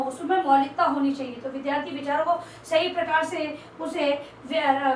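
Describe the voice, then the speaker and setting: High-voiced woman teaching in an echoey room. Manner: slow and deliberate, repeats key terms while writing on a board. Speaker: teacher trainee. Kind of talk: classroom lecture. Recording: echoey room, far from the mic, faint hiss.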